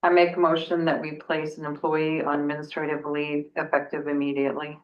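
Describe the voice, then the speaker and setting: Woman, board member, flat monotone, matter-of-fact, far from mic, muffled echo. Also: low-pitched, fairly quick. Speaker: selectboard member. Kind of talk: making a motion at a meeting. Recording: distant, muffled, echoey.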